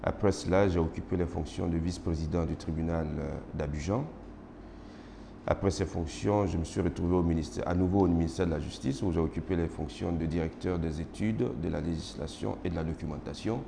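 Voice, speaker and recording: Responding to formal interview questions, a middle-aged Ivorian magistrate speaks French with an Ivorian accent, Baoulé being his first language. His deep, creaky voice stays steady in tone as he answers measuredly with frequent hesitations, in a noisy, roomy space with long reverb.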